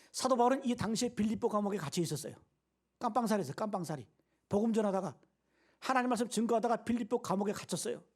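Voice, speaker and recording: A woman pastor preaching a sermon, emphatic and questioning, swinging between a raised voice and hushed whispers. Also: medium pitch, slightly rough. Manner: asks the congregation questions and leads them in reading aloud.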